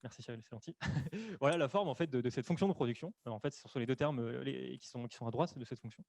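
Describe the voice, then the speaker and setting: Fast-talking man presenting a webinar. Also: mid-range voice, gravelly, darkish tone, no room sound. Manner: hesitant, many fillers and self-corrections. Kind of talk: explanatory webinar talk. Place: room at home or office, on camera. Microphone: desk microphone.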